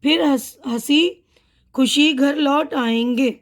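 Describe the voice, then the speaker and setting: A woman reading the part of the young schoolgirl Afsha from a primer dialogue, slowly and carefully. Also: high-pitched. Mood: eager. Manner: slow, careful reading aloud.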